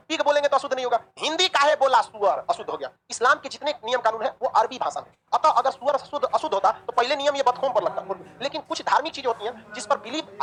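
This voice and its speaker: A woman teaching a history class, lively and joking, asking the class questions and answering them herself. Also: high-pitched, low-quality recording. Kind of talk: online class lecture.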